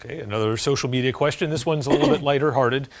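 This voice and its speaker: A man's voice: medium pitch, very fast, gravelly. A man interviewing a candidate, asking conversational, pressing follow-up questions.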